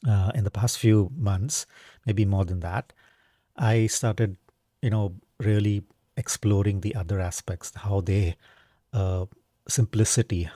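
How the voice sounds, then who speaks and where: A man with a fairly low, mellow voice reflects on life in an unhurried, conversational way. He is from India and leans on fillers and tag questions as he thinks aloud, recorded close and dry. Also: no echo. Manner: casual, thoughtful, many fillers and tag questions. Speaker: podcast host. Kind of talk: reflective solo talk.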